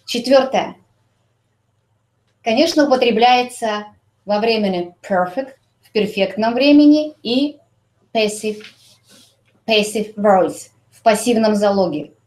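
A woman teaching an English grammar lesson, explaining slowly and repeating English example sentences. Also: fairly high pitch, darkish tone.

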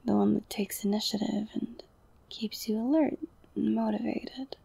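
A young woman whispering an intimate ASMR roleplay, slow and soothing, softly domineering and coaxing. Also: mid-range voice, steady tone, vocal fry, slightly rough, dry recording. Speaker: audio roleplay performer.

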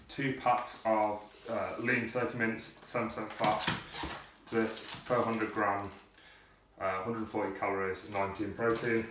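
A young man chatting casually through a video diary in his small home kitchen, rambling with lots of fillers, picked up by a camera across the room. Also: lowish voice. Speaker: fitness vlogger. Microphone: camera mic from across the room. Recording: echoey kitchen, camera far off, noisy.

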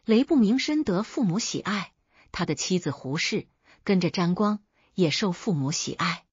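A woman storyteller reading a folk tale as steady, expressive scripted narration on a dull, dry recording. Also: lowish voice, moderate pace, husky, no room sound.

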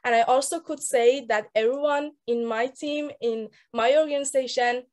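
Woman, 19, Persian-accented English, somewhat high-pitched; earnest, halting storyteller on a video call. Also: steady tone, a little mellow. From Afghanistan, raised in Iran. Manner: earnest, halting, with many restarts. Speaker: speaker on a mentorship call. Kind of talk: personal story talk on a group call. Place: indoor room. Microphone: laptop webcam on a video call.

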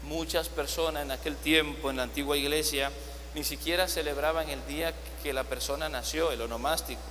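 A man's voice: on the high side, fairly even intonation, brisk. A man serving as priest, leading a baptism rite in a large church and coaxing the parents and godparents through their answers in an instructive way. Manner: instructive, gently coaxing the congregation. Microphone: far phone camera in the congregation. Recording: echoey church from a distance, faint hum.

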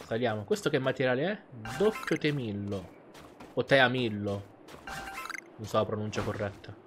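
A man's voice: medium pitch, expressive, moderate pace. A man giving casual let's play commentary, thinking aloud and reacting as he plays. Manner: chatty, thinking aloud, exclamatory. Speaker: gaming YouTuber. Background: faint game music.

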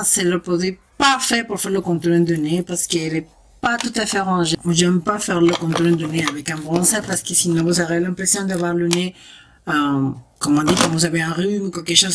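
A woman's voice: medium pitch, noisy background. A woman with a Spanish accent, a beauty vlogger chatting playfully through a makeup tutorial with cheerful exclamations.

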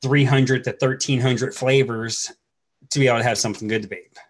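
Middle-aged guy on a video call, husky voice, chill and blunt, drops a swear here and there. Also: medium pitch, fairly even intonation, a little fast. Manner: laid-back, blunt, swears casually. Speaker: host. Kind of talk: casual chat. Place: home room.

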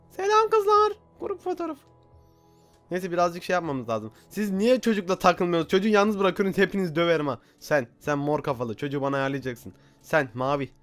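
Joking young man over faint game music. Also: medium pitch. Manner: joking, jumpy, talks to game characters. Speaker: gaming YouTuber. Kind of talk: gameplay commentary.

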